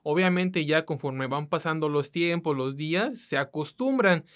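Low-pitched and lively in intonation, this woman speaks at a moderate pace as co-host of a casual podcast. She's from Mexico, has a coastal accent, and addresses listeners directly in a chatty, colloquial style.

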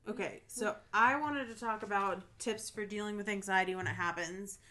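A young woman co-hosting a podcast, talking calmly and steadily as she steers the conversation. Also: medium pitch, moderate pace. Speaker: podcast co-host. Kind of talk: casual chat.

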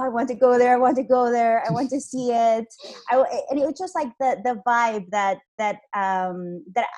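A woman's voice: a little high, darkish tone. A woman in her twenties from Honduras, a podcast guest chatting casually over a call with many "like"s and restarts. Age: 20s. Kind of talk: casual interview chat. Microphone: video call.

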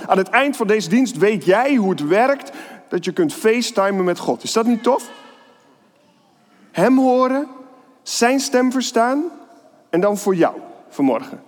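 A man giving a lively, playful children's sermon in church and reading a Bible story aloud. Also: high-pitched. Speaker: pastor. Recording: long hall reverb.

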